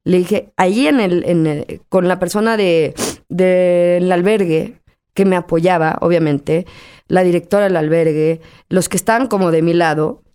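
A woman's voice: lowish voice, a little slow, mellow, clean tone. A middle-aged woman with a Mexican accent, a guest in an interview, telling a personal story candidly and emotionally, acting out the dialogue as she goes.

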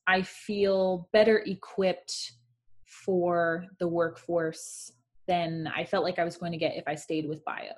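A young woman in her twenties talks through her experience in a relaxed, reflective way. Her voice sits a little low for a woman. She leans on fillers like "like" and "you know". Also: takes it slowly. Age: 20s. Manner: chatty, reflective, many fillers. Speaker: guest. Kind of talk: casual chat.

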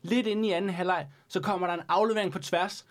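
Brief: male co-host, fairly high voice, describes the match like a commentator. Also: fairly even intonation. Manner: sportscaster-like scene-setting. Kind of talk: play-by-play game narration.

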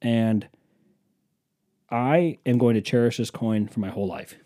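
A mellow, mid-range male voice, a little slow, belongs to a twenty-something vlogger. He's in a museum exhibit indoors, telling his phone a long, drifting story laced with swearing and jokes at his own expense.

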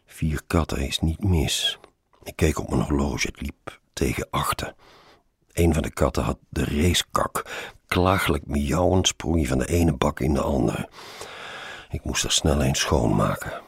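A man's voice: extremely low pitch, a little slow, vocal fry, husky, no echo, clean studio sound. A man reading a first-person story aloud in a wry, sardonic manner.

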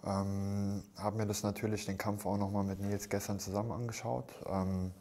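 A man with a broken nose talks in a deep, fairly flat voice. He is a fighter giving a casual interview after a bout, matter-of-fact and somewhat halting as he answers. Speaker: MMA fighter, interview guest.

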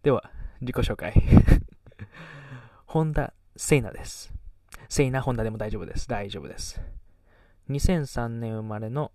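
A man's voice: mid-range voice, moderate pace, warm tone, distant mic. A nineteen-year-old man from Kagoshima with a light Kagoshima accent, chatting casually as a podcast host, rambling and losing his thread. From Kagoshima, Japan. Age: teens. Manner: rambling, self-deprecating, trails off mid-thought. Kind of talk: casual chat.

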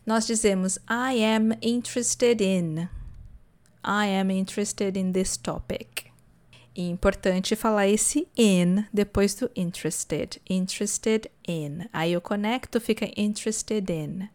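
A Brazilian woman with a Brazilian Portuguese accent, a native Portuguese speaker, teaching English in a podcast lesson, explaining slowly and demonstrating pronunciation. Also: mid-range voice, fairly even intonation, darkish tone.

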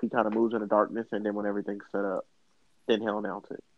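A man's voice: fairly low pitch, little pitch movement, fast talker, phone-quality sound, slight background noise. A man co-hosting a podcast, talking about rap in a laid-back, joking way. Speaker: podcast co-host. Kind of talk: casual hip hop debate.

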